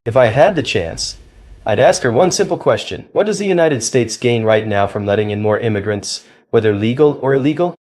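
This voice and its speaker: A man's voice: medium pitch, expressive, a little fast, darkish tone. A man narrating scripted voice-over commentary in an opinionated, declamatory way.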